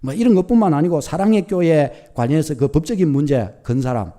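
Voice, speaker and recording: A middle-aged man preaching a sermon as pastor, telling a story with lively acted-out quotes. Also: on the high side, fairly quick. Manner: animated storytelling, acting out quoted thoughts.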